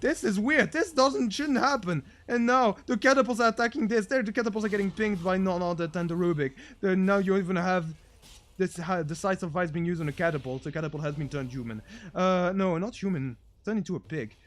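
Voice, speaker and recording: A man casting a video game match as comedic commentary, excitable and jokey, swinging between muttered asides and shouted hype. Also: high-pitched, a little fast. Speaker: game caster.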